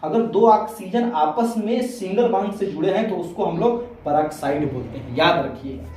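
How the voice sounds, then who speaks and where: A male chemistry teacher with a high, somewhat mellow, animated voice lectures a class at normal speed, calling students beta. He works through the material step by step, posing questions and answering them himself. The room is very echoey and the mic is far away.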